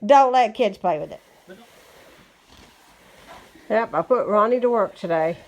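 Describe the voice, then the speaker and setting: A woman's voice: medium pitch, animated, a little slow, darkish tone. A woman with a West Virginian accent, chatting casually at home as she shows off a wood-care job and recommends the product. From West Virginia, USA. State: a bit out of breath. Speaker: home vlogger. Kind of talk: casual chat. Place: home, indoors.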